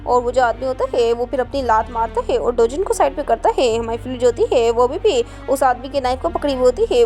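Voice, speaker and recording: A woman narrating a story recap in a fast, animated retelling. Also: high voice.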